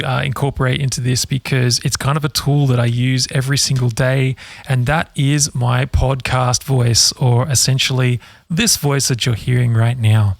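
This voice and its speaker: Man, casual production tutor, gravelly voice, dry close mic. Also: mid-range voice, no echo. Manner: relaxed, chatty, self-deprecating. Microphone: studio microphone.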